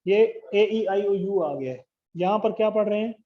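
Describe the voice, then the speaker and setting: A man's voice: high-pitched, moderate pace. A man teaching English grammar in a classroom lecture, explaining step by step and asking the class questions. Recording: dull lo-fi classroom recording.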